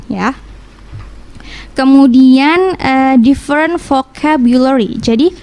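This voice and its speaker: On the radio, an Indonesian woman with a slightly high, somewhat mellow voice gives a casual English lesson. She switches between Indonesian and English, patiently explaining with examples.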